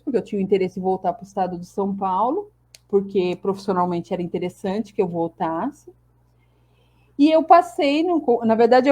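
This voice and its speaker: Chatty woman historian, mellow voice. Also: fairly high pitch. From Brazil. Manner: chatty, restarts often, laughs lightly. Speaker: historian guest. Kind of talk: casual interview answers.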